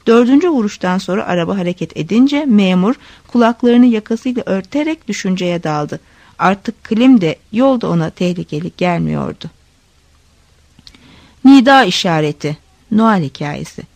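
A woman reading a story aloud, expressive storytelling. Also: medium pitch, moderate pace, no echo. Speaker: narrator.

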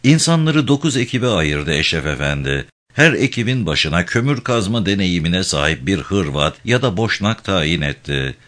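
Deep-voiced male storyteller. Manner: expressive, measured storytelling. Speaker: narrator. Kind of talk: scripted audiobook narration.

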